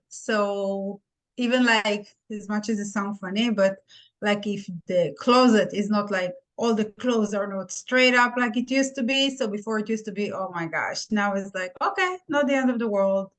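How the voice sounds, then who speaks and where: An unhurried, medium-pitched woman's voice belongs to a middle-aged Israeli nurse practitioner. She speaks with an Israeli accent and chats candidly and casually as a guest on a podcast interview.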